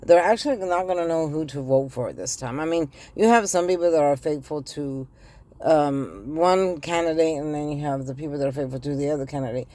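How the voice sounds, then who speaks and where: This middle-aged woman reads tarot for viewers from her car, one hand holding the phone, her voice raspy post-flu and broken by hesitant ums. She speaks low, fairly quickly, with a warm tone.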